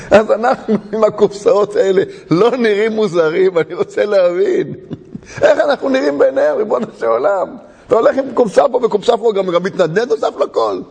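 Gravelly-voiced man telling a story. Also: sits high. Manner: animated storyteller, laughs often. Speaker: religious teacher. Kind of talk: storytelling sermon. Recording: long hall reverb.

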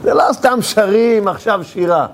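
A man's voice: sits high, slight background noise. A man teaching a religious lesson, animatedly telling a parable and acting out its scenes.

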